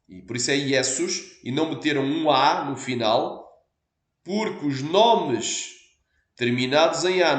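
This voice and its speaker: Portuguese pastor teaching in an echoey room. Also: male voice, fairly high pitch, fairly bright tone. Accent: European Portuguese. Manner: explains patiently, asks "Amém?" for assent. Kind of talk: teaching sermon.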